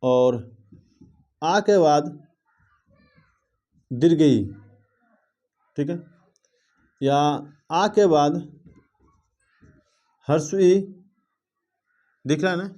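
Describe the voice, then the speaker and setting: A man teaching a grammar class in a voice a little higher than most men. He talks the class through each rule, asks questions and keeps checking that they follow. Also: very slow, long pauses, dark tone. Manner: drills with repeated check-ins, asking the class questions. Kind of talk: grammar lesson.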